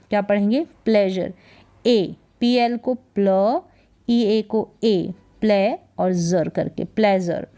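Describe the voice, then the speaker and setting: A woman's voice: a little high, mellow. A woman teaching English reading in Hindi, breaking words into syllables and repeating each sound with quiz-like questions. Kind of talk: spelling and pronunciation lesson.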